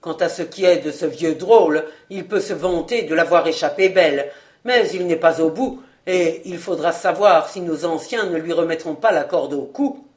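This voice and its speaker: A woman voicing a rough male outlaw who speaks in a gruff, surly tone. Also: on the low side, moderate pace, darkish tone, voice pushed down, close to an everyday voice.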